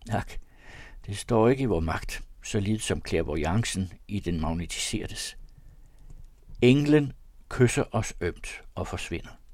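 A man narrating a classic novella as an audiobook, with a measured, expressive reading on a close studio mic. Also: deep voice, husky, no echo. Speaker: audiobook reader.

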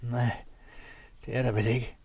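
A man's voice: mid-range voice, little pitch movement, a little mellow, husky. A man voicing a sick, meek vagabond who speaks with labored, weary effort.

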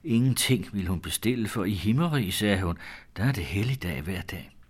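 Male storyteller, low-ish voice, measured, grave, reading aloud. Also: expressive, breathy edge. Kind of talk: reading an old-fashioned first-person tale aloud.

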